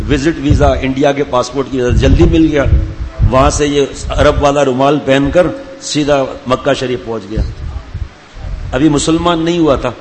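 A man's voice: medium pitch, big-room sound, noisy background. A middle-aged man, a Sufi spiritual guide, giving a sermon to a gathering. He tells stories with humor and teases his listeners by name. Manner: jovial storytelling, teasing listeners by name.

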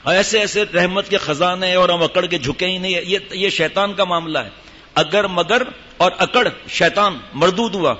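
A man preaching an emotional sermon in a hall, exhorting listeners and chanting Arabic prayers slowly. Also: high voice, bright, forceful tone. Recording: dull lo-fi sound with long hall reverb.

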